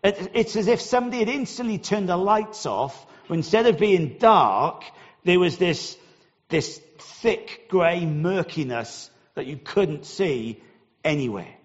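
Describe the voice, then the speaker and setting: High-voiced Welsh preacher telling a story. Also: male voice, expressive, a little slow, in a large hall, muffled recording. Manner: conversational storytelling, repeats words when starting. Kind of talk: sermon with personal story.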